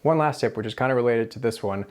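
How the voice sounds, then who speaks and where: A man's voice: medium pitch, fast, darkish tone. American man teaching rolled R pronunciation. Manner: demonstrates rolled and tapped R sounds, repeating example syllables and words. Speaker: language teacher. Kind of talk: instructional pronunciation tutorial, explaining casually.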